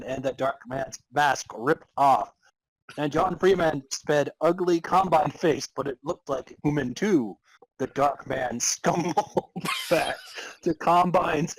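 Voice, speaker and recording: Reading comic fan fiction aloud with dramatic flair, a podcast host and narrator with a rather high voice keeps cracking up laughing. The recording is rough but has no room sound.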